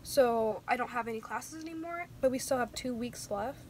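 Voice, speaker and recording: Chatty young woman, high voice, tells stories, bit of room hiss. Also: normal speed, darkish tone. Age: young adult. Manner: chatty storyteller, breaks into laughter. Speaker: co-host. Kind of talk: casual chat.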